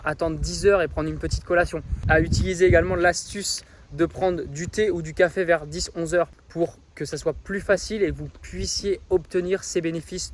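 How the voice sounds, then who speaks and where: A man with a fairly high voice talks to camera in an upbeat vlog and explains things patiently, with many small hesitations along the way. Faint outdoor noise stays in the background. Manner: explanatory, upbeat, with frequent fillers. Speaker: fitness vlogger. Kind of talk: casual vlog talking to camera.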